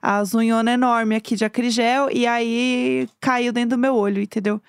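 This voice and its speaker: A woman's voice: on the high side, steady tone, moderate pace, smooth, dry recording. A young woman with a São Paulo accent co-hosting a podcast, telling stories playfully with exaggerated intonation. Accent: São Paulo Brazilian Portuguese. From São Paulo, Brazil. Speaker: podcast co-host. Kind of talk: casual chat.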